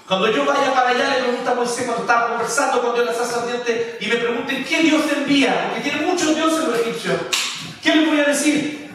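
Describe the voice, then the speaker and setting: A pastor preaching a sermon, animated, with emphasis that rises and drops. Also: male voice, very high-pitched, a little hiss or hum. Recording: echoey room from a distance.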